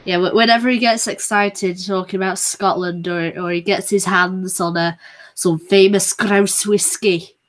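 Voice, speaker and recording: English woman streamer, easygoing, mid-range voice, quick to laugh, chatting with friends on a call. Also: medium pitch, fairly even intonation, poor audio. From England. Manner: playful, laughs often, slips into a mock Scottish accent. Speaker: streamer hosting a voice chat. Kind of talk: casual voice chat.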